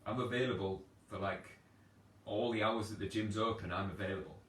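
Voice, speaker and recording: This man, a personal trainer, answers questions in a casual live session from the sofa at home, rambling in a chatty, self-deprecating way. His voice is lowish and fairly bright, and he talks fairly fast. The mic is distant, the room echoes, and there's a faint hum of background noise.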